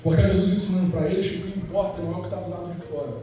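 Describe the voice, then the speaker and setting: A man with a Rio de Janeiro accent preaching an animated Pentecostal sermon, telling stories with acted quotes and rhetorical questions, heard in a large church hall. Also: high voice, racing, far from the mic, noisy background. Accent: Rio de Janeiro Portuguese. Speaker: evangelist preacher. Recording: very echoey church hall, music behind.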